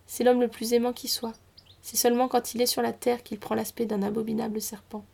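Give me a woman playing a soft-spoken loving young wife, slightly high and steady. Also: fast, vocal fry. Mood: soothing. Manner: soothing, tender. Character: young wife of a river lord, loving and gentle.

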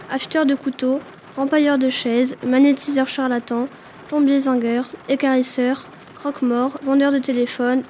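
Une femme qui lit un roman à la première personne, d'un ton posé et intime. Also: female voice, sits high, darkish tone, slight background noise. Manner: measured, intimate, literary. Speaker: audiobook reader. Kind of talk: first-person literary narration.

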